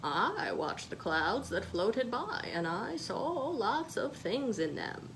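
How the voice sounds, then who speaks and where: A nostalgic grandmother from a picture book, as a woman reader puts her on. She recalls old days with emphasis and pride, in a higher-set, very animated voice. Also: takes it slowly, background noise, exaggerated voice. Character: storybook grandmother proudly recalling her simple childhood.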